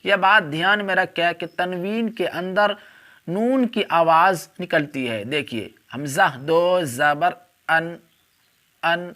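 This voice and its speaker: Man teaching letters in slow drills. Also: high voice, expressive, sharp tone. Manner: repetitive drilling, spelling out letters slowly and deliberately; brisk explanations between drills. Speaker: Quran reading teacher. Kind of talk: step-by-step reading lesson.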